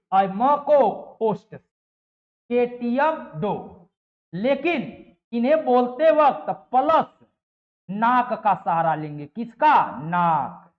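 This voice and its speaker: A male teacher giving a grammar lesson for exam preparation. He asks his students questions and answers them himself, repeats the sounds over and over, and keeps checking with "okay". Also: very high-pitched. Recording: dull, lo-fi sound.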